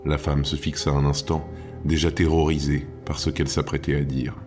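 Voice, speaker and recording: A man narrating his own audiobook in a measured, storytelling manner. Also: extremely low pitch, level tone, darkish tone, faint music behind.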